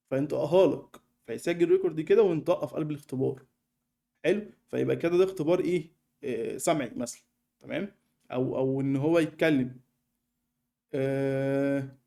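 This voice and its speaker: A young Egyptian man talks through a software tutorial at a breakneck pace, chatty and full of fillers. His voice sits a little high yet sounds dark and mellow. Keyboard typing clicks in the background. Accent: Egyptian Arabic. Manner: fast, chatty explaining with many fillers. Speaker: online course tutor. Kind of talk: screen-recorded software tutorial.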